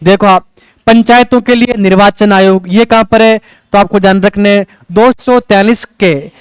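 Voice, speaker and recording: A man's voice: sits high, steady tone, normal speed, smooth, no echo. A male coaching teacher, lecturing a class and checking in with rhetorical questions as he teaches memory tricks.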